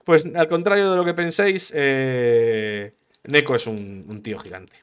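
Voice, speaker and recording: A man talks through a solo podcast episode in a loose, rambling way. His voice sits at an ordinary middle pitch. He trips over his words, restarts phrases and swears freely as he chats. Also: measured pace, clean tone. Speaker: podcast host, gaming streamer. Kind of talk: casual solo podcast monologue.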